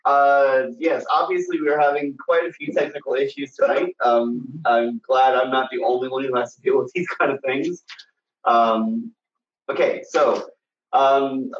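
A man's voice: mid-range voice, steady tone, moderate pace. A man co-hosting a fan discussion stream in casual chat, hesitant with many ums and restarts, sounding like he is down a well. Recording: echoey, distant, muffled remote audio.

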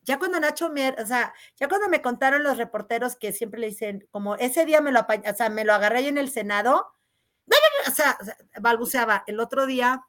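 A woman with a loud, resonant voice, telling stories as a guest in a casual interview with lots of quick asides. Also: on the high side. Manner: animated, rapid storytelling full of "o sea" asides. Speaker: congresswoman guest.

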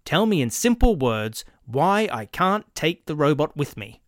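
A man's voice: a little high, sing-song, measured pace, a bit bright, no room sound, studio quality. A man voicing a rich, short-tempered husband who barks orders impatiently. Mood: angry bullying. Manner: gruff, barking, impatient.

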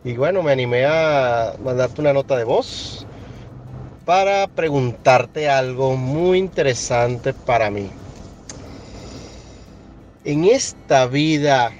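A young man with a Venezuelan accent speaks unhurriedly in a recorded voice message. He searches for his words and stops to rephrase. Faint traffic and ambience sit behind him. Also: medium pitch. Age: young adult. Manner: searching, thoughtful, pauses to rephrase. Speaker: caller. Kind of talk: voice message question.

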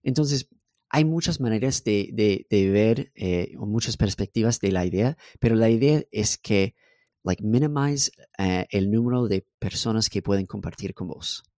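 A man whose first language is English, a software engineer talking as a podcast guest in a relaxed way, with many fillers and English words slipped in. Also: on the low side, measured pace, dry recording, clean studio sound. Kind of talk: casual interview conversation.

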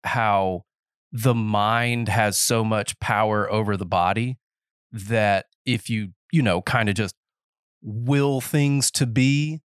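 A man in his thirties, a podcast host, chats casually through an interview on headphones and a podcast mic. His lowish, slow voice is clean but congested and faintly nasal, and he rambles, interrupts himself, and jokes along the way. The recording is dry and close, with no room sound.

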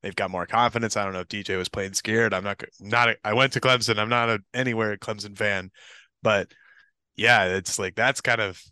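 Young man, podcast co-host, chatty confident sports takes, bright crisp voice, smooth and clear. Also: on the low side, fairly even intonation, a little fast, no room sound. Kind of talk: casual sports podcast chat.

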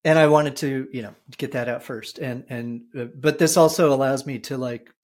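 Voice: mid-range voice, fairly even intonation, normal speed. A podcast host talking casually, hesitant, with many fillers and restarts. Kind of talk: casual conversation.

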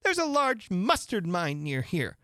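A reader voicing a fussy old duchess who moralizes about everything, in a high sing-song way. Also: huge pitch swings, measured pace, pushed and bright, dry recording, studio quality, full character voice. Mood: preachy. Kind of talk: audiobook character voice.

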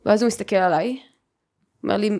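A young woman hosting a podcast, telling her own story with feeling and acting out the voices of the people in it. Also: mid-range voice. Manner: animated, acts out quoted voices. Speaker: podcast host. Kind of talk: emotional personal storytelling.

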